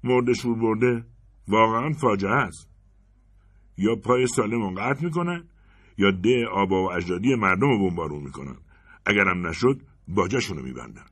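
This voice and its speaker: A man's voice: fairly low pitch, huge pitch swings, husky, voice pushed up, heavily acted. A man voicing a sarcastic, sour middle-aged male critic who mocks everyone around him. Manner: sarcastic, mocking.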